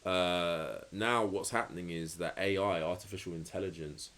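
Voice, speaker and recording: A man's voice: deep voice, fairly even intonation, normal speed, a bit bright. A man co-hosting a podcast, speaking bluntly and swearing freely, at times reading from an article. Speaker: podcast co-host. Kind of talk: casual chat, reading from an article.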